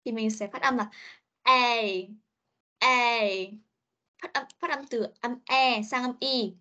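A woman's voice: a little high, fairly even intonation, moderate pace, a bit bright. A woman English teacher, giving an online pronunciation lesson and drilling each sound and word several times. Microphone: video call. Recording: muffled online meeting audio.

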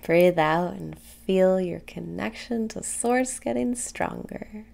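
A young woman guides a meditation in a low-pitched voice with heavy creak. She speaks very slowly and softly, breathing her phrases out soothingly and pausing between them. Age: young adult. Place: small room indoors.

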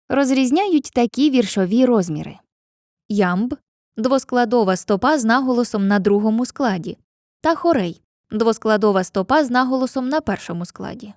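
Mellow-voiced woman narrating a literature lesson. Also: a little high, dry recording, clean studio sound. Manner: clear, measured delivery, reading poetry slowly. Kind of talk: scripted educational narration.

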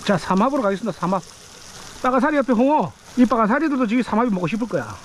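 Talking fast and very animatedly in an extremely high voice, this man narrates a casual outdoor vlog. He eats, fishes and exclaims to himself on a rocky riverbank, day and night, with a head-mounted action camera recording and slight background noise.

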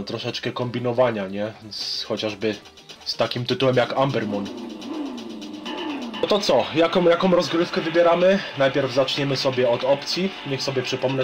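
A Polish man in his thirties, a vlogger giving casual, colloquial, rambling commentary in a small room at home. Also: medium pitch. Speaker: retro gaming vlogger. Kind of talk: casual chat and gameplay commentary.

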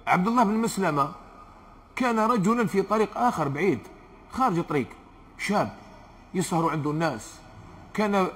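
A middle-aged man with an Algerian Arabic accent preaching a sermon, earnest and repeating key phrases for emphasis. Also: high-pitched.

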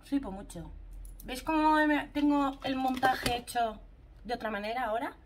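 A woman from Spain with a Spanish accent, chatting excitedly to her viewers while she tries makeup on at home in front of a camera set in a ring light. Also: sits high, moderate pace, a little hiss or hum. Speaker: beauty vlogger. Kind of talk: casual makeup review vlog. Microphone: camera mounted in a ring light, a bit back.

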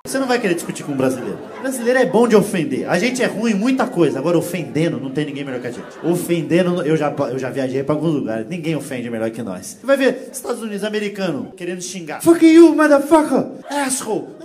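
Man, stand-up comedian, high voice, profane, loud punchlines. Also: sing-song, quick pace, hardly any pauses, a faint crowd. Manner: loud, profane mock insults.

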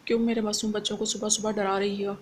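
A woman's voice: mid-range voice, flat delivery, fast, slight background noise, close to an everyday voice. Storybook husband, playful and boastful, teasing banter in a level tone, voiced by a woman.

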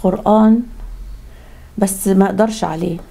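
A woman's voice: mid-range voice, fairly even intonation, normal speed, creaky, warm tone. A woman with an Egyptian accent voicing the devil as a wailing, scheming male spirit. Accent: Egyptian Arabic. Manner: anguished wailing, then scheming.

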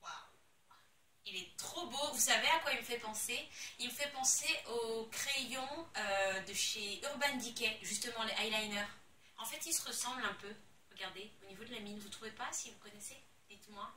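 Excitedly exclaiming over each item she unboxes, a young beauty vlogger talks casually at normal speed in a very bright, quite high voice. She's somewhat far from the mic in a roomy, echoey space, and a faint hiss sits behind her.

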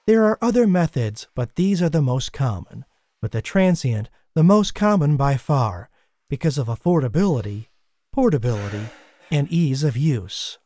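A man giving scripted documentary narration in a measured, explanatory way, recorded as a voice-over. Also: a little high, very animated, warm tone, no room sound, clean studio sound.

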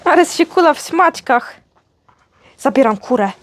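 High-voiced woman coaxing her dog. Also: expressive, a little slow. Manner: playful, coaxing baby talk to a pet. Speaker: vlogger, dog owner. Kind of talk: casual chat to her dog. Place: indoors at home with her dog.

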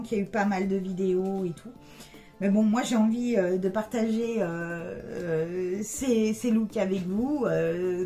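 A woman's voice: medium pitch, warm tone. A middle-aged woman chatting casually through a makeup review as a beauty vlogger, with many hesitant fillers.

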